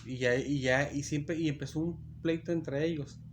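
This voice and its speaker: A man's voice: a little high, steady tone, moderate pace, a little hiss or hum. A man preaching a sermon in a church, reading Bible verses aloud and explaining them, often restarting and correcting himself. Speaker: pastor.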